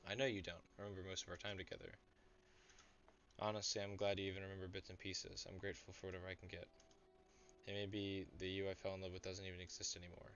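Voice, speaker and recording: A man's voice: low-pitched, flat delivery, quick pace, fairly bright tone. A man reading as Kat, a tender dying young woman. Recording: dull lo-fi audio, faint music.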